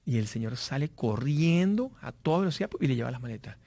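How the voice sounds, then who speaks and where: A man's voice: medium pitch, animated, a little fast, creaky, warm tone, dry recording. A man giving a motivational business talk, telling anecdotes with many fillers and restarts. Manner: storytelling, frequent fillers and restarts. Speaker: business speaker.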